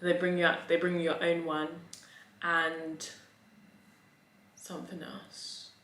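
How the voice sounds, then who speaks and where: A woman with a slightly low voice chats through a restaurant review in a casual vlog style. Her delivery is campy and theatrical, stretching and stressing key words. The recording is noticeably roomy and echoey. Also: flat delivery, takes it slowly, a bit bright, slight background noise. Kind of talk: casual, chatty video review.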